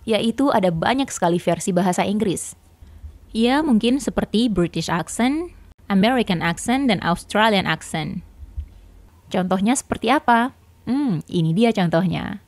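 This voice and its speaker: A woman's voice: mid-range voice, lively intonation, normal speed, dry recording. A woman teaching an English lesson, explaining patiently step by step with examples.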